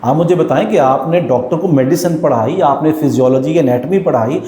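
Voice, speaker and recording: A man's voice: fairly high pitch, warm tone, reverberant, a little hiss or hum. A man, a teacher, telling stories and explaining his views earnestly in an interview, mixing in English terms. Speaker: teacher and guest. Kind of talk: storytelling in an interview.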